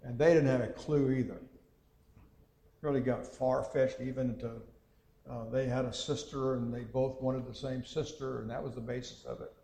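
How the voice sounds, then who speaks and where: A man teaching a Bible class in a conversational way, thinking aloud with frequent pauses and reading scripture passages aloud. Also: medium pitch, fairly even intonation, dark tone. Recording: echoey hall with long reverb.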